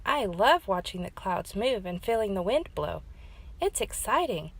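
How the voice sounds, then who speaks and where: A woman's voice: mid-range voice, very animated, a little slow, husky, full character voice. A woman voicing a playful, eager young fox in a children's storybook. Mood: excited. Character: bold, playful young fox, loves stormy weather.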